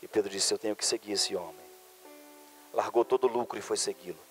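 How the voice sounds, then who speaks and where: A male pastor preaching a sermon, moving from quiet storytelling to loud, high, fervent preaching. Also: quick pace, soft background music. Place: church conference hall.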